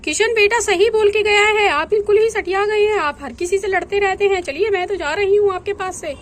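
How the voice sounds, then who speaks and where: A bossy village aunt, voiced by a woman with a sharp tongue, who scolds her husband and orders others out of her way. Her voice sits high and clear in a doll storybook telling. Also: fairly quick, slight background noise. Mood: scolding.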